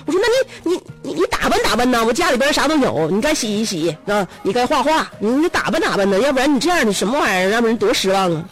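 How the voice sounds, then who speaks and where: A woman radio host with a Northeastern Mandarin accent tells a story in casual chat. She is chatty and teasing, and her pitch swings freely. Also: big pitch swings, fast, hardly any pauses, soft background music. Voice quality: chatty, laughs often, teasing.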